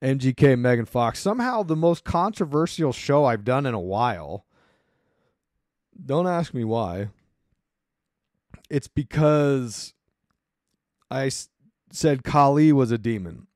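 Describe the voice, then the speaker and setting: A male podcast host riffs casually on his own, wandering from point to point and dropping sarcastic asides. His voice sits at an ordinary middle pitch for a man. The recording is close and completely dry. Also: lively intonation, slow pace, long pauses, darkish tone, dry recording. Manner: wry, rambling, sarcastic asides. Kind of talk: casual solo commentary.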